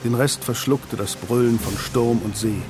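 A man reading an audiobook in steady scripted narration. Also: mid-range voice, unhurried. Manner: steady storytelling. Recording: music bed underneath.

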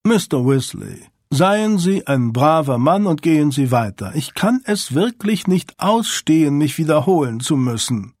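A man doing a soft-spoken, coldly polite agent. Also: a little high, very animated, slightly rough, dry recording, clean studio sound, heavily acted. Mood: silky menace. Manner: soft, courteous, unhurried.

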